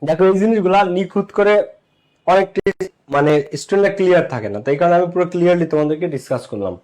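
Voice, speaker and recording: A man's voice: sits high, rapid-fire, darkish tone. A man teaching English grammar in an online lesson, speaking. He explains patiently, repeats each sound several times and keeps checking whether students follow.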